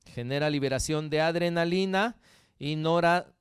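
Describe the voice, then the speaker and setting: A Peruvian man preaching a sermon as pastor, animated and jokey, often checking in with the congregation. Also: a little high, normal speed, smooth, no room sound, studio quality. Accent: Peruvian Spanish. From Peru. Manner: animated, jokey, frequent tag questions to the congregation.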